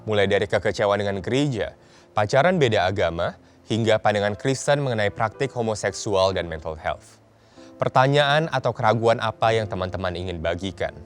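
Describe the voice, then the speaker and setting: A man giving a scripted program introduction in an earnest, measured way. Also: fairly low pitch, expressive, faint music behind. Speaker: program narrator. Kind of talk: scripted narration.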